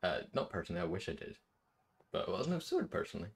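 Deep husky man, deadpan. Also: quick pace. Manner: deadpan, mock-sincere. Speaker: video host chatting with strangers online. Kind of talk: casual chat, deadpan trolling.

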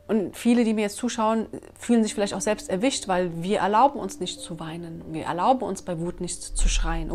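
A woman in her thirties, a mother of three, talking earnestly to camera about raising children, often animated. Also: mid-range voice. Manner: earnest, animated, acts out her own scolding. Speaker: parenting vlogger, mother of three. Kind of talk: casual talk to camera. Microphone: camera mic.

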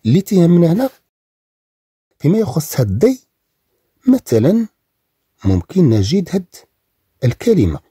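A man with a Moroccan accent teaching French pronunciation, repeating words slowly and drawing them out. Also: on the high side, very animated, mellow, breathy edge, no room sound, clean studio sound. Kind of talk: recorded language lesson.

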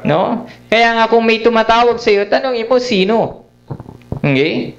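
Filipino man, sermon, high-pitched, frequent tag questions, dull lo-fi sound. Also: a little slow. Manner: switches between English and Tagalog, frequent tag questions. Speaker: preacher. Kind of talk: sermon at a prayer meeting. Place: church hall.

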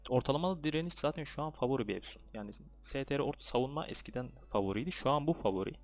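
A young man chatting casually through his online game session, fussing over luck and getting excitable when things go his way. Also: medium pitch, very fast. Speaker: gaming video creator. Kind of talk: casual gameplay commentary.

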